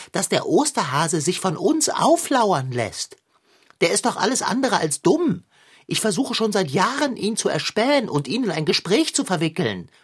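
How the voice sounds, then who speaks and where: A woman's voice: mid-range voice, slightly rough. A woman voicing a pompous, gloomy talking male cat in an audio drama. He talks in a lofty, eloquent and condescending way.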